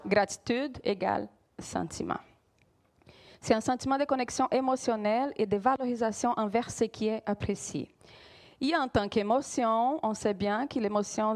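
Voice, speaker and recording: A woman's voice: mid-range voice, a little mellow. Brazilian-accented woman preaching. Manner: engaging, quizzes the congregation, repeats key words. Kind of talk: sermon.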